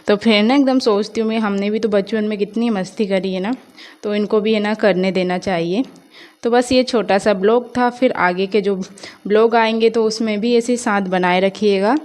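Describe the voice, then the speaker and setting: A woman's voice: mid-range voice, fairly even intonation, normal speed, darkish tone. A young woman from India narrating her home vlog in a rambling, chatty way, full of fillers. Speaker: vlogger. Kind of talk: casual voice-over vlog narration.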